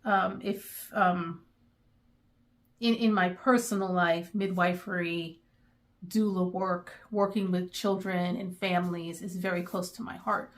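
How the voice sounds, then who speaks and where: A middle-aged woman, chatting in a rambling way with many pauses, going emotional at times. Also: lowish voice, steady tone. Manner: emotional, near tears. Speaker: book vlogger. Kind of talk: casual chat.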